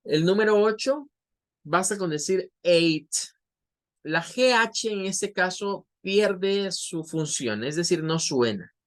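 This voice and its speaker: A man's voice: high-pitched, expressive, slow. A man teaching an English pronunciation class in Spanish, patiently explaining and stretching out the example words. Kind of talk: online class lesson.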